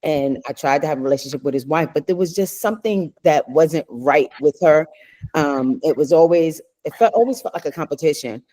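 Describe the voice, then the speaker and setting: A woman's voice: sits low, a little fast, mellow. A middle-aged woman co-hosting a casual conversation. She tells a personal story earnestly, wandering and restarting as she goes. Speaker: co-host. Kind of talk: casual chat.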